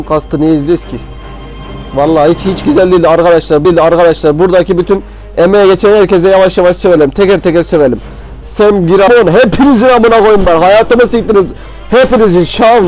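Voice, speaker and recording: A young man doing profane, excitable horror game commentary, with a mock newscaster tone. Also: sits high, rough recording. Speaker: gaming video host.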